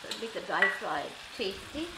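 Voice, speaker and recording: Demonstrating a dish indoors at home, this middle-aged woman speaks with a South African Indian English accent in a gravelly, sing-song, mid-range voice at normal speed. She's a chatty, reassuring cooking show host who keeps talking as she cooks. The kitchen sounds echoey, and something is frying.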